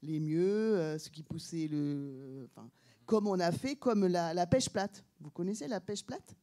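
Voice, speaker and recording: Warm-toned woman scientist explaining. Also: lowish voice, unhurried. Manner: plain explanations with hesitations and corrections. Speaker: scientist on a panel. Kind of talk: explaining to a public audience.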